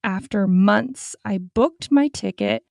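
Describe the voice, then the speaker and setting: A woman in her twenties voicing a young female dreamer who tells her own story, speaking slowly and clearly and saying each sentence twice. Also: medium pitch, darkish tone, dry recording, studio quality. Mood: calm. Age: 20s. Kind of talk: scripted story for repeat-after practice.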